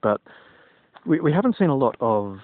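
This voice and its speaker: A man's voice: mid-range voice, very animated, normal speed. A middle-aged man and PC technician giving his opinions on gaming in a digressive, casual monologue. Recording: tinny phone-like sound, dry.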